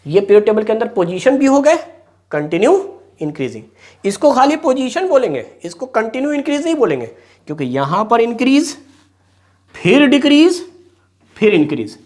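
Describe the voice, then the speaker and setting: A man with a fairly high voice teaches a chemistry class. He explains patiently and goes over each point again, and he calls his students beta. He sounds like a teacher at a whiteboard in a coaching class. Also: darkish tone. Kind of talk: classroom lecture.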